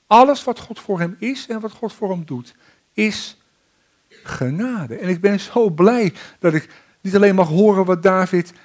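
A man preaching a sermon and reading psalms aloud with slow, deliberate emphasis. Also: high-pitched, a little mellow.

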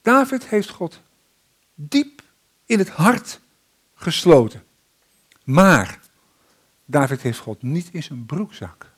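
A man preaching a sermon and reading psalms aloud with slow, deliberate emphasis. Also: on the high side, big pitch swings, husky.

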